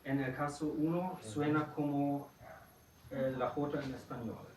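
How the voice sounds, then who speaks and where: Slow, patient teacher in echoey classroom. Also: male voice, fairly high pitch, fairly even intonation, crowd noise. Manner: patient, modeling words for repetition. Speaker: German teacher. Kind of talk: classroom pronunciation lesson. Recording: echoey room, distant mic, background noise.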